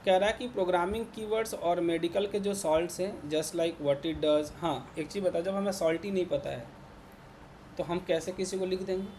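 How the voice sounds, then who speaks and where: A man's voice: high-pitched, fairly even intonation, normal speed, a little mellow, slight background noise. A man with an Indian Hindi accent teaching a programming class to students. He keeps checking in with his listeners, repeating words and asking whether they follow. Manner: repetitive, checks in with "ठीक है ना" constantly. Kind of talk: classroom lecture.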